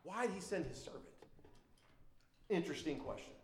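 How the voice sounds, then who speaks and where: A high-voiced male pastor with a Minnesotan accent preaches in a lively, conversational way, breaking into quick asides. His voice rings around a roomy, echoing church sanctuary. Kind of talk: sermon.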